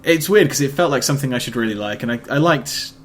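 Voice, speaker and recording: A man's voice: medium pitch, lively intonation, fast talker. A man co-hosting a podcast, chatting casually and rambling with many fillers and restarts, a little sleepy. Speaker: podcast co-host. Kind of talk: casual chat. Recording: faint background noise.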